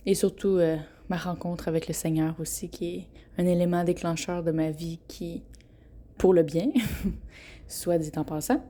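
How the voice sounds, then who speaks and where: A woman's voice: lowish voice, flat delivery, measured pace, warm tone. A woman in her twenties with a Québécois accent, hosting a casual solo podcast, frank and chatty, often laughing and tripping over her words. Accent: Québécois French. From Quebec. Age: 20s. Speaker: podcast host.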